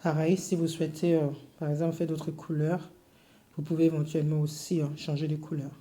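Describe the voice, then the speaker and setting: A woman with an English accent gives a patient, step-by-step cake decorating lesson. Her voice sits low and mellow, and she often hesitates on filler sounds while explaining each detail. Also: little pitch movement, fairly quick. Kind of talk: step-by-step tutorial.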